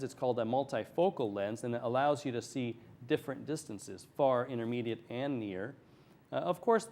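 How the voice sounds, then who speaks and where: A man speaking as a medical expert in a TV interview, explaining things plainly and step by step. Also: medium pitch. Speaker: eye surgeon, interview guest. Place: TV studio.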